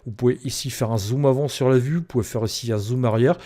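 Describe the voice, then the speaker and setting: Man, tutorial presenter, mellow and warm, unhurried click-by-click explanation with fillers. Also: medium pitch. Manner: explains step by step with many fillers. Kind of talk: screen-recorded software tutorial.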